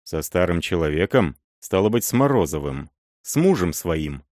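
A man's voice: low voice, sing-song, normal speed, darkish tone, no echo, studio quality. A man voicing a stern, jealous, hot-tempered prince who barks commands in an audiobook. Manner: commanding, harsh.

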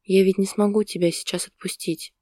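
A woman's voice: medium pitch, little pitch movement, a little fast, no echo, studio quality, lightly acted. A woman voicing a desperate young man pleading. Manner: quiet, pleading. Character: desperate young man begging his love back.

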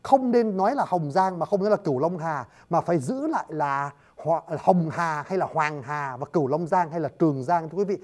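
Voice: medium pitch, lively intonation, brisk, few pauses, a little mellow. A lecturer giving a casual spoken lesson, often addressing the listeners directly and spelling words letter by letter. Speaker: lecturer on word origins.

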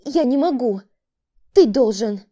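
A woman voicing a panicked, scheming woman in an audiobook, shrill, high-strung and defensive. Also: animated, moderate pace, warm tone. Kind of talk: audiobook character voice.

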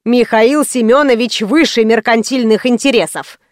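A woman's voice: fairly high pitch, normal speed, dry recording, clean studio sound, lightly acted. A woman voicing a haughty, stern middle-aged woman writer who speaks in a cold, curt, disdainful way.

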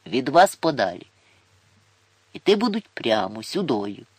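A man voicing a gruff, mocking older forester who looks down on city folk. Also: mid-range voice, big pitch swings, measured pace, no echo. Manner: grumbling, scornful, folksy.

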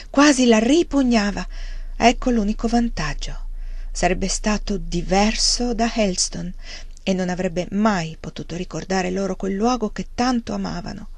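A woman's voice: fairly high pitch, no echo. A woman narrating a novel as an audiobook reader, reading steadily and evenly. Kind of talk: scripted narration.

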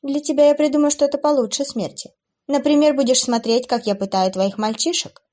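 A woman's voice: sits high, brisk, a little mellow, pitched above the performer's own voice, close to an everyday voice. A woman voicing a cruel, playful female demoness who taunts her captive in a raised, sing-song voice for an audiobook. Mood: gloating.

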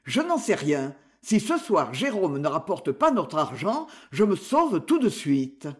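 A male reader voicing a firm young husband who speaks curtly and resolutely, lower than his narration. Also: wildly swooping pitch, measured pace. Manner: firm, curt.

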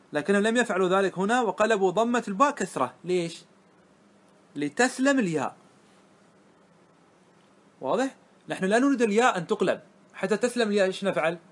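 A man teaching a grammar lesson to a class, explaining step by step and often stopping to check that students follow. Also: high voice.

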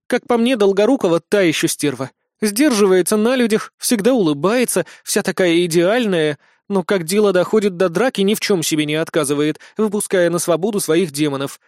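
A man voicing a sharp-tongued, jealous young noblewoman who is the elder sister, speaking scornfully. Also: high-pitched, fairly quick, few pauses, no echo, studio quality, pitched above the performer's own voice, lightly acted. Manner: scornful, snappy.

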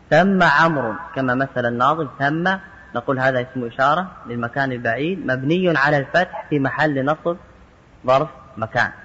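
A man's voice: medium pitch, sharp tone. Methodical man teaching grammar in a reverberant hall. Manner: methodical, quotes verse examples then parses each word. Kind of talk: explaining a grammar text line by line. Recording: dull lo-fi audio with long hall reverb.

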